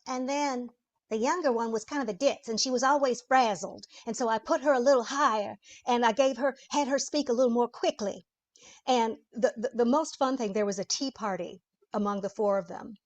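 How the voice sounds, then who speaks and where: In an interview conversation, a woman who works as a voice actor talks through her craft at a normal pace, her voice on the high side. She's chatty and explanatory and laughs easily.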